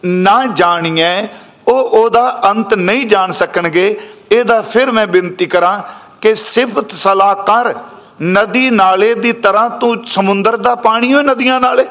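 A man delivers a katha sermon in a notably high voice. He teaches patiently, pausing to repeat each key phrase slowly before explaining it. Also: a bit bright. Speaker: Sikh preacher giving scripture exposition.

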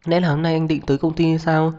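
A man voicing a gentle young woman worried about her lover. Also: a little high, fairly even intonation, a little fast, pitched above the performer's own voice, close to an everyday voice. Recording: muffled reverberant audio, faint music.

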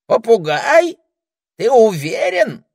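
A man voicing a shrill, pompous male ermine duke in an audiobook, blustering and squealing. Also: sing-song, slow, vocal fry, no echo, studio quality, full character voice. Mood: suspicious. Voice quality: piercing squeal, shouting. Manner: theatrical, self-important. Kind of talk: audiobook character voice.

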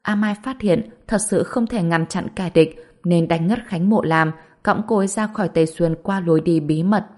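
A woman reading a serialized story as narrator, in a steady, even scripted delivery. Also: fairly low pitch, normal speed, hardly any pauses.

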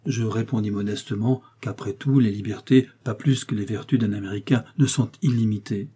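Male narrator, classic novel audiobook, measured reading, warm dark tone, slightly breathy. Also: lowish voice, steady tone. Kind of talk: scripted first-person novel narration.

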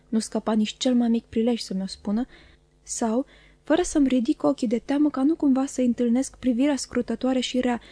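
A woman reading a classic novel aloud as audiobook narrator, calm and measured. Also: fairly high pitch, dry recording. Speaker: audiobook reader. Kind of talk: scripted narration.

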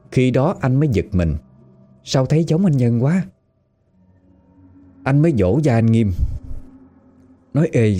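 A man with a Southern Vietnamese accent telling a story in a lively, conversational way. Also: medium pitch. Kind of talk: spoken storytelling.

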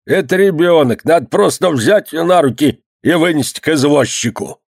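A man's voice: fairly high pitch, expressive, moderate pace, gravelly, no echo, studio quality, voice pushed up. Guy doing a grumpy old servant, cross and grumbling. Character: grumbling older manservant.

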